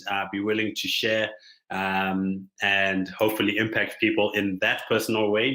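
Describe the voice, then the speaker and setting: A man from Zimbabwe gives a conference talk in a measured, unhurried way, often pausing and filling gaps with small hesitations. His voice is low and bright, with a forceful edge. The room around him is echoey. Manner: measured, thoughtful, many pauses and fillers. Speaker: startup founder giving a talk. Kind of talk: conference presentation.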